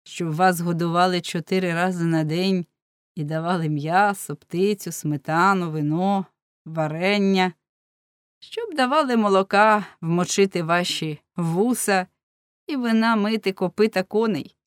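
A woman's voice: lowish voice, measured pace, clean tone, no room sound, studio quality, close to an everyday voice. A woman voicing a defiant young man, a prisoner who speaks in a grim, bitterly ironic way in a storybook reading.

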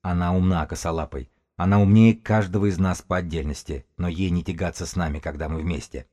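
A man playing a wiry, sharp-tongued runner. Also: low voice, fairly even intonation, brisk. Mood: persuasive. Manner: persuasive, insistent, cutting. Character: small, wiry, angry male runner, sharp-minded.

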